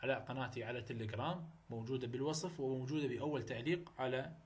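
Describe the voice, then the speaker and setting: A young man with an Iraqi Arabic accent teaching a recorded lesson on English vowel sounds. He talks in a chatty way and says each example word slowly, several times over. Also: medium pitch. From Iraq.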